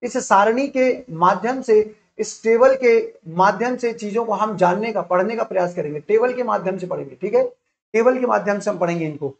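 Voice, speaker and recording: Speaking at normal speed with some vocal fry, a high-voiced male teacher runs through an online exam-prep syllabus. He explains things repetitively, listing topic after topic, over a dull, lo-fi recording with slight background noise.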